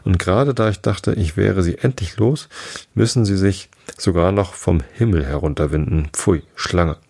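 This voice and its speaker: A man with a low, husky voice voicing an anxious, scornful female pigeon in a storybook reading, with accusing, complaining talk. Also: moderate pace, a little mellow, full character voice. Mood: aggrieved. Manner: shrill accusing, sobbing complaints.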